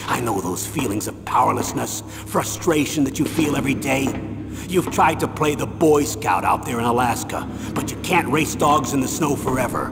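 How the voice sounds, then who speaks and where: Gravelly military colonel giving a briefing, reverberant. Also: male voice, medium pitch. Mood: stern, persuasive. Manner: measured, authoritative briefing delivery. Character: stern veteran military colonel, persuasive and insistent. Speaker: commanding officer. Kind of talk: military mission briefing, scripted game acting. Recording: long reverb, music behind. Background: music.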